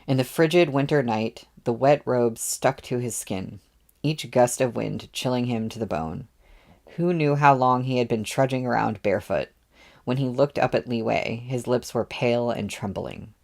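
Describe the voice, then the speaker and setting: A man's voice: mid-range voice, moderate pace, creaky, darkish tone. A man reading a novel aloud as narrator, with offhand asides between passages. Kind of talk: audiobook readalong.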